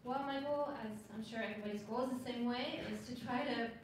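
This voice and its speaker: A woman from Lebanon, a marathon runner on a panel, talking casually and haltingly with lots of fillers. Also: a little high. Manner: chatty, halting, many fillers. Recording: echoey, distant mic, noisy ambience.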